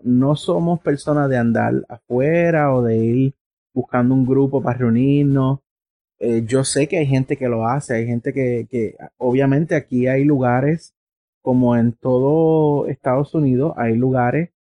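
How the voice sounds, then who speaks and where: A man's voice: mid-range voice, mellow, dry recording. A man from Puerto Rico with a Puerto Rican Spanish accent, an interview guest talking in a casual, earnest, explanatory way and thinking aloud. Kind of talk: casual conversation. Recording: dry, slightly muffled recording.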